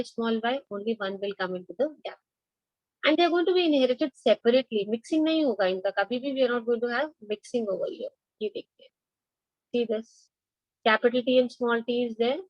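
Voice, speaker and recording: A woman's voice: a little high, no room sound. A woman with an Indian accent teaching as a biology teacher, mixing English and Hindi and prompting students with questions. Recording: dull, band-limited lo-fi audio.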